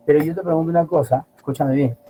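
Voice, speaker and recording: A middle-aged man teaching a class, lively and always asking his students questions. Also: on the high side, fast talker, slight background noise, poor audio. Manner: animated, asks students constant rhetorical questions. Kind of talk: classroom lecture.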